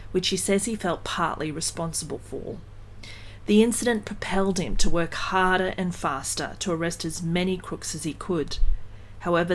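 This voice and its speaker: A woman hosting a podcast, reading a scripted introduction and asking interview questions in a clear, measured way. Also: fairly low pitch, slight background noise. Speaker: podcast host.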